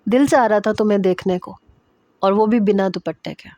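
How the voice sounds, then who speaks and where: A woman's voice: mid-range voice, mellow, no room sound, lightly acted. A woman reading as a curt, taunting young husband. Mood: commanding. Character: stern, mocking young husband in uniform. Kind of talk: storybook reading.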